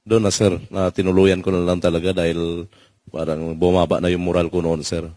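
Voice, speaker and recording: A man with a very low, deep voice, speaking earnestly as a former soldier. He stays deferential and keeps adding "sir". The sound is dry and close. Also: flat delivery, a little fast, warm tone, no echo.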